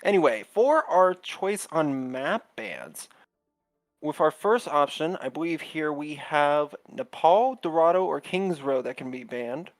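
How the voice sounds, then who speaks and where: A man's voice: a little high, animated, a little slow, no room sound, faint music behind. Brief: male esports caster at home, bouncy, swooping delivery, dry close sound. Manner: upbeat, chatty, laughs often. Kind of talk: casual live game commentary. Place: home streaming setup.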